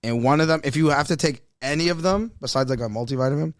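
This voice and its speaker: A man's voice: a little high, fast talker, no room sound, clean studio sound. A man hosting a podcast, chatting casually in a rambling, slangy way. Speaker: podcast host. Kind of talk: casual chat.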